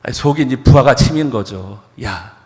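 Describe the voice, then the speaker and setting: A man's voice: medium pitch, animated, normal speed, a little mellow. A male pastor preaching a Sunday sermon, acting out dialogue and putting rhetorical questions to his congregation. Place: church sanctuary. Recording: church hall reverb.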